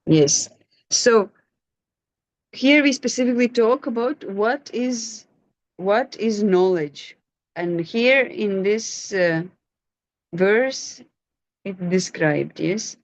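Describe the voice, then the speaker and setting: A woman's voice: mid-range voice, takes it slowly, long pauses, no room sound. A woman, facilitating an online scripture class, patient and questioning as she prompts her students. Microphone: video call. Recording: dull lo-fi video call audio.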